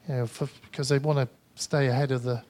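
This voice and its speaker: At a conference, a man from Manchester, England, speaks with a Mancunian English accent through his talk and the audience Q&A that follows. His mid-range voice is a little mellow, level in tone and quick. He sounds tired and conversational, often hesitating and restarting.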